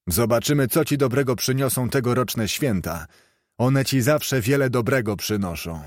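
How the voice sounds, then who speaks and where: A man voicing a miserly, grumpy old moneylender who mutters curt, gruff replies in a dry-sounding recording. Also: medium pitch, lively intonation, normal speed, dry recording, lightly acted. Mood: grumbling scornful.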